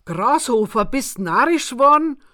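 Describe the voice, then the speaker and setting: A woman voicing the story's exasperated narrator figure, shouting in dialect. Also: fairly low pitch, sing-song, measured pace. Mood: outraged. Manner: outraged, loud exclamations. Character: exasperated first-person narrator, worked up.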